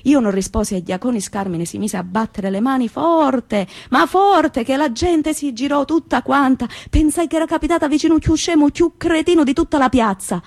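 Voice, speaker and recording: An actress with a Calabrian accent playing a young woman from Reggio, telling her memories in a lively, colloquial theatrical monologue. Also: high voice, normal speed, hardly any pauses, no echo. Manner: lively storytelling, repetitive and colloquial.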